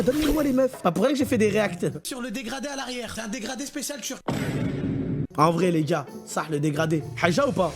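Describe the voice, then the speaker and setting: Young guy rattling off a crazy story, music going behind him. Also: a little high. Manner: animated, slangy, acts out scenes with big swings. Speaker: streamer. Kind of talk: casual storytelling to viewers.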